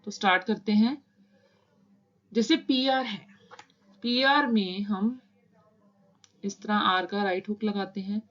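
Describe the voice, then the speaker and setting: A woman's voice: mid-range voice, fairly even intonation, slow, long pauses, fairly bright tone, lo-fi sound. Patient woman teaching shorthand. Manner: patient, repeats steps, mixes English terms into Hindi. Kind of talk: step-by-step lesson explaining while writing.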